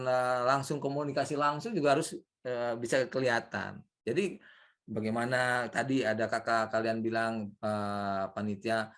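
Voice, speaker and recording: A young man lectures students on leadership in a loose, conversational way. He tells stories and keeps asking the audience questions, and his voice sits at an ordinary middle pitch. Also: fairly bright tone. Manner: chatty, poses rhetorical questions to the audience. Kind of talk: informal classroom lecture with anecdotes.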